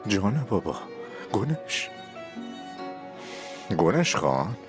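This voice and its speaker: A man's voice: on the low side, big pitch swings. An actor dubbing a young boxer father who tenderly reassures his sick son in a TV drama. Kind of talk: dubbed TV drama. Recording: TV drama dub with music behind.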